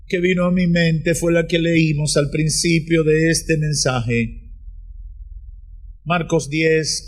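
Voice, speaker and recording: A man preaching a passionate sermon at a church service, rising dramatically into shouts. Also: sits high. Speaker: pastor.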